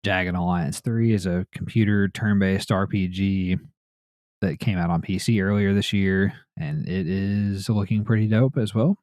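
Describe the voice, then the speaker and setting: A man's voice: sits low, fairly even intonation, measured pace, darkish tone, no echo, clean studio sound. A man hosting a gaming news podcast, reading headlines and chatting casually in a laid-back way. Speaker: podcast host.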